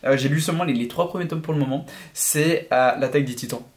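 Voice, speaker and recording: A man's voice: mid-range voice, quick pace. A young man talking casually and enthusiastically in a vlog, rambling with many fillers and restarts. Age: young adult. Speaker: YouTuber.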